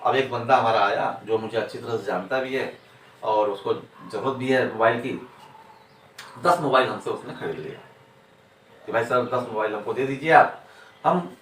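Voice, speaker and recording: A man's voice: medium pitch, fairly bright tone. A man teaching accounting in a classroom lecture, repeating points and answering his own rhetorical questions. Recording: echoey room, distant mic, faint noise.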